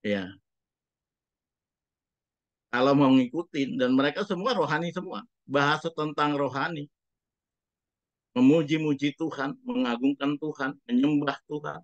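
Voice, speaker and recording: A man's voice: on the high side, a little slow, pauses often, no room sound, dull audio. A man preaching a sermon as a pastor, speaking emphatically and putting rhetorical questions to the congregation.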